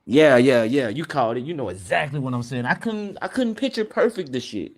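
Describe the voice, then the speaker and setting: This man's medium-pitched voice is expressive and slightly quick as he has a casual, slangy chat with a friend, wandering off topic and restarting his sentences.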